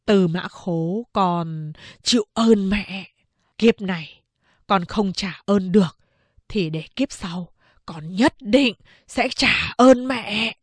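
A woman voicing a grim, fierce man who has returned to his family, speaking low and clipped. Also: slow, pauses often, husky, no echo, clean studio sound, exaggerated voice. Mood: solemn. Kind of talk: audiobook character reading.

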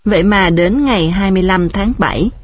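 A woman narrating an audiobook in a steady, measured storytelling manner. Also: mid-range voice, breathy edge, no room sound. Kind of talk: audiobook reading. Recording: dull, dry recording.

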